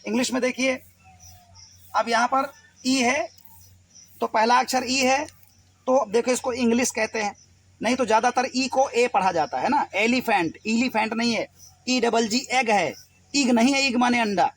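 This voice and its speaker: A man's voice: extremely high pitch, moderate pace, pauses often, breathy edge, poor audio. A man from Uttar Pradesh teaching English reading, patiently spelling words out letter by letter. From Uttar Pradesh, India. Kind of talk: Hindi-language phonics lesson.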